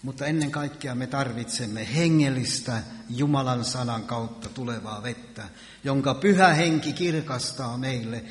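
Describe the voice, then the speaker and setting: A man preaching a sermon in earnest, with emphatic rises on key words. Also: medium pitch. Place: church hall. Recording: echoey church hall.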